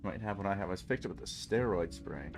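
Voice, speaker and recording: Over background music, a stuffy-nosed man talks fast in a low, animated voice while streaming a game. He rambles jokily and chats casually with his viewers in chat.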